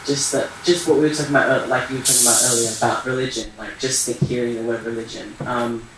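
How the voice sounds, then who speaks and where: Quick-paced with fairly even intonation at medium pitch, a young man from Iran hesitantly opens up at a community talk, using lots of fillers as he looks for words. The recording comes from a distance in an echoey theatre hall, and the background is noisy.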